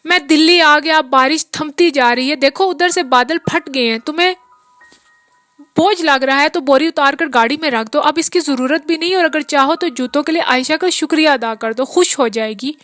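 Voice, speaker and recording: A woman's voice: sits high, normal speed, fairly bright tone, dry recording, soft background music. A worn, rueful peasant man, read by a woman. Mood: weary, rueful. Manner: long rambling confessional talk. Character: weary peasant-born man, bitter yet brotherly.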